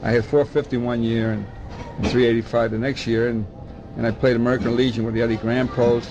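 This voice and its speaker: A man's voice: mid-range voice, little pitch movement, fast, highs cut off. An older man from the Dominican Republic, a baseball scout, talking at length in an oral history interview and often repeating himself as he goes. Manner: rambling, repeats words and restarts often.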